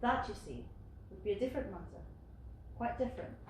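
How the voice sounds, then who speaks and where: A woman acting a gentle elder sister on stage, softly consoling and coaxing with light laughs. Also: medium pitch, lively intonation, fairly quick, lightly acted. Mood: tender. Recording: distant, echoey stage with faint noise.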